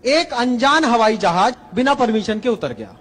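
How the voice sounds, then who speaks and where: A man's voice: extremely high pitch, expressive, normal speed, background noise. A man telling a long joke on stage, acting out the quoted lines. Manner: storytelling, acts out quoted lines. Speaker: joke teller.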